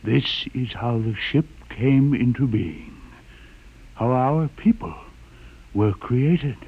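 An actor playing a solemn old keeper of a sacred legend, reciting deliberately in classic radio drama style. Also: male voice, mid-range voice, breathy edge. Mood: solemn, reverent. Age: older. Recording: muffled vintage radio recording.

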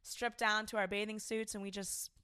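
A woman's voice: medium pitch, flat delivery, normal speed, pushed and bright, clear, resonant tone, dry recording, studio quality. A young adult woman co-hosting a podcast, talking casually and laid-back, with some swearing. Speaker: podcast co-host. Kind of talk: casual chat.

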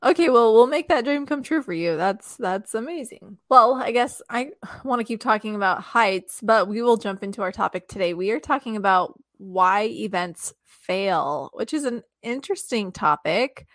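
A woman's voice: medium pitch, expressive, normal speed, few pauses, fairly bright tone, no room sound, clean studio sound. Chatty upbeat woman podcast co-host. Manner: chatty and upbeat, playful asides. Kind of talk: casual podcast chat.

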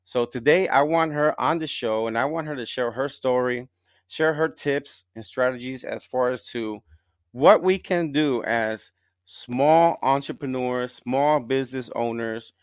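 A middle-aged man hosts a casual podcast interview, introducing his guest in a rambling, repetitive way. His voice is mid-range and unhurried, and the recording has no room sound.

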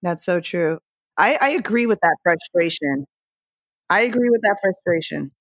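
A woman with a fairly low voice talks through a novel she has strong feelings about. She is emphatic and pushes her voice higher when she quotes the characters. The sound is dry and close. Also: expressive, normal speed, no room sound. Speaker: book club member. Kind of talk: casual book discussion.

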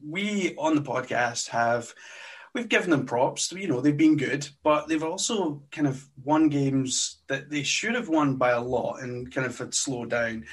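A man co-hosting a podcast, bantering in a relaxed, casual way. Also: mid-range voice, unhurried. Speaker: podcast co-host.

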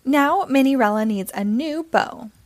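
A woman with a high-pitched voice reads a story aloud to young children, using simple phrasing and an expressive, deliberate delivery.

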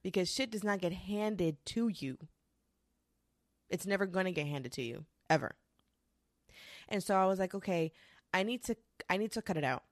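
A woman in her twenties talking casually and candidly to the camera, swearing freely and rushing through quick bursts. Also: on the low side, no echo, studio quality. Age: 20s. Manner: candid and profane, with frequent restarts and quick bursts. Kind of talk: casual confessional monologue.

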